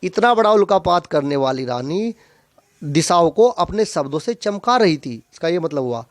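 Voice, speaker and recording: A male teacher explaining a Hindi poem line by line, reciting verses and then repeating key phrases to make them clear. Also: on the high side, animated, moderate pace, no room sound, studio quality. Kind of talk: poetry lesson explanation.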